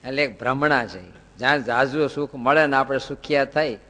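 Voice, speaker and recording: In a hall with long reverb, a spiritual teacher preaches a devotional sermon at a moderate pace, his medium-pitched voice bright and forceful, his intonation fairly even. He leans on rhetorical questions and folksy anecdotes.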